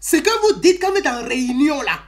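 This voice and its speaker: Animated high-pitched Ivorian woman scolding. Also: fairly quick. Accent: Ivorian French. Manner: emphatic, scolding, repetitive, swings from loud to low. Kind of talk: impassioned political monologue.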